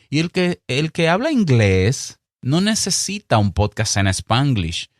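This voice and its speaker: Podcast host, male, Dominican Spanish accent, mid-pitched voice, deliberate and emphatic, dead-dry recording. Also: darkish tone, no echo. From Dominican Republic. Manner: emphatic, chatty, mock-acts little dialogues; deliberate, clear delivery. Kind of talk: solo podcast advice monologue.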